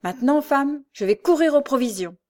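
A woman's voice: sits high, lively intonation, normal speed, dark tone, voice pushed up. A woman voicing an overjoyed, eager poor working man in an audiobook, speaking in exclamations. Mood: joyful. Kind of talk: audiobook character voice.

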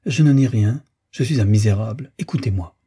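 Guy reading a lovesick young gent in an audiobook, earnest and pleading, dark breathy voice. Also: mid-range voice, normal speed. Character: lovesick, tormented young gentleman.

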